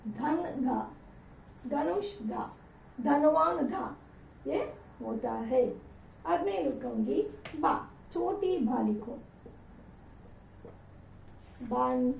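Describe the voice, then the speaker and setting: A woman's voice: high-pitched, creaky, darkish tone, slight background noise. A woman teacher giving a patient alphabet lesson, repeating each letter with example words as she dictates. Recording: roomy, distant, dull lo-fi sound.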